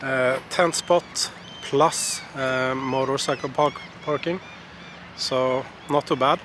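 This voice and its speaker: Guy doing a casual vlog update outside, slow and halting, noisy background. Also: medium pitch, fairly even intonation. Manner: hesitant, halting delivery. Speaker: travel vlogger.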